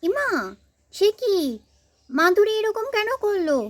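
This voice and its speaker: A woman's voice: very high-pitched, lively intonation, slow pace, heavily acted. A woman voicing a busy young village mother who coaxes and calls out again and again. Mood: alarmed. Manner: coaxing, chatty, calls out repeatedly.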